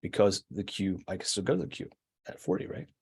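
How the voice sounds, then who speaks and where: A man's voice: low-pitched, expressive, quick pace, creaky, a little mellow, husky. A man in his forties, a podcast guest, telling his story in a reflective, hesitant way with many fillers. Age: 40s. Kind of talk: casual storytelling.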